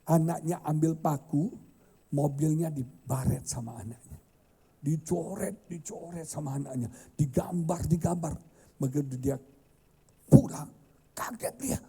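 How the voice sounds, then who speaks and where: A male pastor preaching a sermon and telling stories, swinging from loud high outbursts to hushed tones. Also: measured pace, breathy edge. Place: church hall.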